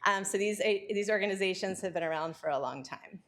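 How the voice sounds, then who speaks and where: A woman giving an academic lecture, talking quickly and excitedly with frequent fillers and restarts. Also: medium pitch.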